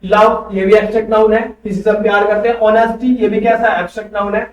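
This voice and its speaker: A man's voice: high-pitched, level tone, fast talker, highs cut off. A male teacher giving an online coaching class, asking quiz questions and answering them himself. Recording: echoey room, far from mic.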